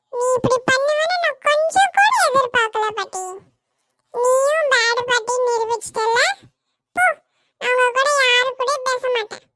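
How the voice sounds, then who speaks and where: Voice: very high voice, sharp tone, no echo, studio quality, heavily acted. A performer voicing a whiny, sulky young boy in a family comedy cartoon, complaining tearfully that nobody will play with him. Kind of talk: family comedy skit dialogue.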